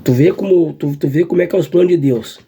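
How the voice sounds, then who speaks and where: A man tells his church testimony in an earnest, halting way, circling back over his own phrases. His voice sits high yet mellow, with a husky, breathy edge. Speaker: church member giving a testimony.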